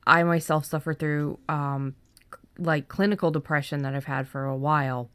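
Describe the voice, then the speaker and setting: Low-pitched, smooth and a little bright, this woman's voice holds a level tone and moderate pace as she co-hosts a podcast, chatting informally about fiction writing. The recording is dry.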